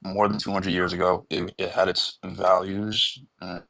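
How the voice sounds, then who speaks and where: A man speaking casually in an online audio room, halting and restarting, while his call connection breaks up. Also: low-pitched, level tone, bright, forceful tone, dry recording. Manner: halting, full of restarts and fillers. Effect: call breaking up on a bad connection. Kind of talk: casual debate. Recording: patchy internet call audio.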